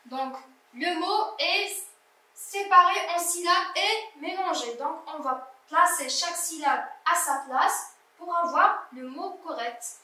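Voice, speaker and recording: A woman teacher with a high, bright voice talks slowly and carefully, breaking words into syllables for young pupils. She is recorded in a very echoey room from some distance away from the microphone. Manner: slow, deliberate, sounding out syllables. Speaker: primary school teacher. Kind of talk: slow classroom lesson correcting exercises.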